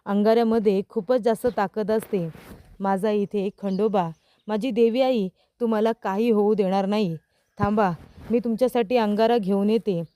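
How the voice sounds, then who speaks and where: A woman's voice: medium pitch, fairly even intonation, normal speed, mellow, natural voice. A woman voicing an anxious, devout young wife who pleads and asks worried questions. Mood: soothing.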